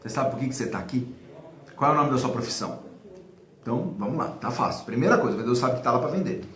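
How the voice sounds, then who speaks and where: A man's voice: medium pitch, animated, fast talker, fairly bright tone. A man talking casually and animatedly about sales management, acting out little dialogues and using many fillers. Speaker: sales consultant guest. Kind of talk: casual advice talk. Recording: echoey room, faint background noise.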